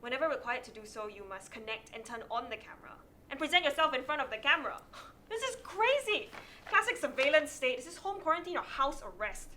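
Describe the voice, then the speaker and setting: A woman's voice: high voice, animated, quick pace, few pauses, bright, forceful tone, a little hiss or hum. An actress playing a bossy, eco-minded older sister in a stage play, scolding her sibling. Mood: indignant. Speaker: actor in a student stage play. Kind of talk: stage acting.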